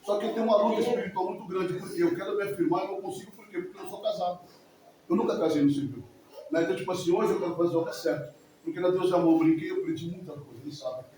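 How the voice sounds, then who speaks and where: A man in his forties talks very fast in a high voice, giving an emotional, rambling testimony in church and frequently repeating himself. He is recorded from far off in an echoey church hall with faint noise.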